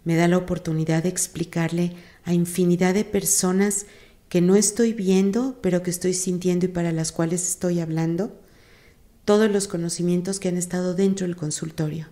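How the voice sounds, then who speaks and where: A Mexican woman, a psychologist and institute director, giving measured explanations in an interview. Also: lowish voice, steady tone, dark tone.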